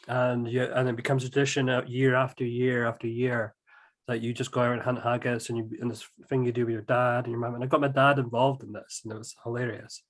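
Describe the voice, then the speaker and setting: A man chatting casually over a whisky and cheese tasting and telling lively stories with many restarts. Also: mid-range voice. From Scotland. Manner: lively storyteller, restarts his sentences. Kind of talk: casual tasting chat and anecdotes.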